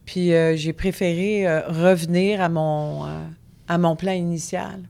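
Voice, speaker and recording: A woman's voice: lowish voice, fairly even intonation, unhurried, creaky, dark tone. A woman in her forties with a Quebec French accent, a business owner chatting as a guest in an interview, often restarting her sentences. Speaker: guest entrepreneur. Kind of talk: casual interview.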